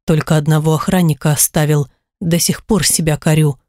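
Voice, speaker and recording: A tough, protective husband speaks low and tender, as a woman narrator acts him out in an audiobook. His lines stay restrained and quiet. The recording is dry and close. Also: steady tone, a little fast, dry recording, close to an everyday voice.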